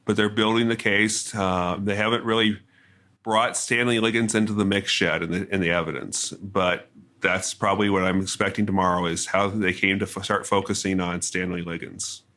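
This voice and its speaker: A man reporting from a courtroom trial, answering questions in a hesitant, halting way with many restarts. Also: low-pitched, fairly even intonation, pushed and bright. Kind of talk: interview answers.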